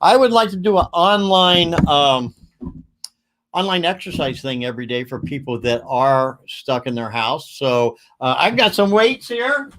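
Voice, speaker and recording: A man hosting a casual livestream, talking in a rambling, upbeat way with quick asides. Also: mid-range voice, fairly bright tone. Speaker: livestream host.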